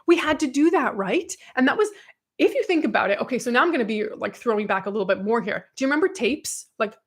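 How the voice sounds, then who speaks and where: A woman in her thirties co-hosting a podcast, chatting casually and reading viewer comments aloud, animated and quick to laugh. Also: a little high, breathy edge. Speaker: podcast co-host.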